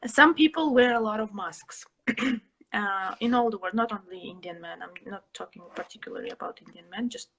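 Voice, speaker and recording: A young woman from Russia, an interview guest who answers thoughtfully, pausing to find her words. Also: medium pitch, fairly bright tone, slightly rough, poor audio. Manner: reflective, pauses to find words.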